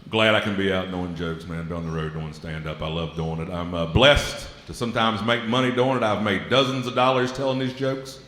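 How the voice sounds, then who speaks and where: West Virginia comic in a roomy hall. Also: male voice, sits low, fairly quick, hardly any pauses. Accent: West Virginia Appalachian. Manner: self-deprecating, drawling, deadpan asides. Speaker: stand-up comedian. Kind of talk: stand-up comedy set. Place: comedy club stage.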